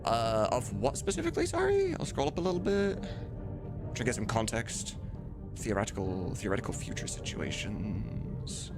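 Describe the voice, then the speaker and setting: Very animated and moving at a moderate pace, a medium-pitched man in his thirties chats casually on a live stream. He makes game dubs, speaks candidly in a rambling way, and has music playing in the background.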